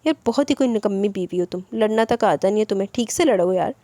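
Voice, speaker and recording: A woman's voice: mid-range voice, expressive, fast talker, mellow, no echo, natural voice. A woman doing a teasing romantic husband. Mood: mock-stern. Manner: teasing, mock-stern. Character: teasing romantic young husband, playful and bossy.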